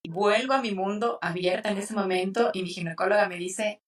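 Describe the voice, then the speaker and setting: A woman's voice: medium pitch, a little fast, distant mic. Young woman telling her story, slightly off-mic. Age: young adult. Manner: tearful, animated retelling with acted quotes. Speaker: podcast co-host. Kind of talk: emotional personal storytelling.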